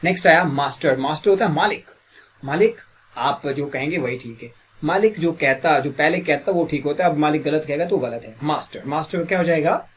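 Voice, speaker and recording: A man teaching English grammar as a classroom lesson, quizzing listeners with repeated questions. He has a slightly sore throat and clears it often. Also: on the high side, brisk.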